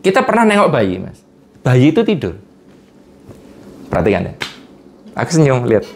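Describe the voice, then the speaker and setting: Animated man. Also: mid-range voice, moderate pace, gravelly, slight background noise. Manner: animated, explains with everyday examples, chuckles often. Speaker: guest speaker on vibration and energy. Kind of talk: casual interview talk.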